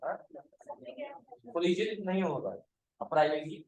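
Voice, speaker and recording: A man's voice: fairly high pitch, animated, a little slow, darkish tone, roomy sound, low-quality recording. A male computer teacher giving a classroom lecture, quizzing his students, calling them to stand and scolding those who have not understood.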